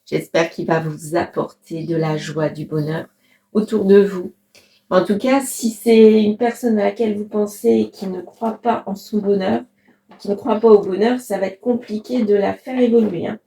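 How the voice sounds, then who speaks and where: A woman's voice: mid-range voice, fairly even intonation, normal speed, creaky, dark tone, slightly rough. A middle-aged woman doing a casual card reading, chatty and thinking aloud with many fillers. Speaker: tarot card reader.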